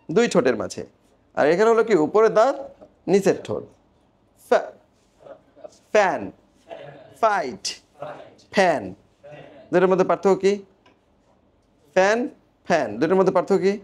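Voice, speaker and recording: A man's voice: high-pitched, darkish tone. A man with a Bangladeshi accent teaching English pronunciation to a class, modelling sounds and asking students to repeat them. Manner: drills sounds aloud, asks the class to repeat. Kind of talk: classroom phonetics lesson.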